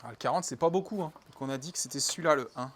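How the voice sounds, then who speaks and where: A man's voice: mid-range voice, rapid-fire. Muttering man working in a noisy workshop. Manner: muttering, swearing, self-mocking. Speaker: mechanic vlogger. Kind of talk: talking to himself while working. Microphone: camera mic from a distance.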